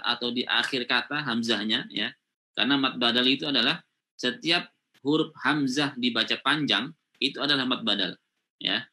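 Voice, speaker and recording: Bright-voiced male Quran teacher. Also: mid-range voice. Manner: explains step by step, often adds "ya" and "gitu ya". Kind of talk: online class lesson.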